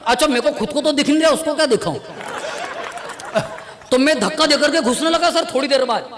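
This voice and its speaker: A comic poet on stage, telling chatty, self-mocking stories and acting out the dialogue. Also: male voice, very high-pitched, a little fast, long reverb tail, a crowd in the background, background noise. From India. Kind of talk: stand-up storytelling at a poetry gathering. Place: stage at a poetry gathering. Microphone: stage mic on a stand.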